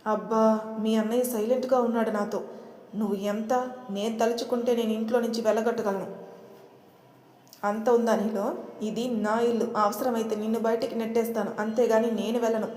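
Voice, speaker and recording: Woman doing a boastful scheming young woman, high voice, roomy echo. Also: flat delivery, brisk, a little mellow, close to an everyday voice. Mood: arrogant. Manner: boastful, threatening. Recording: echoey room.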